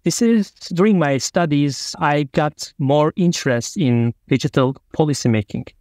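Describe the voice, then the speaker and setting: A man's voice: fairly high pitch, normal speed, darkish tone, no room sound. Turkish-accented man, dry close sound. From Turkey. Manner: earnest, loosely phrased non-native English. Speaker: guest. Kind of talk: remote interview.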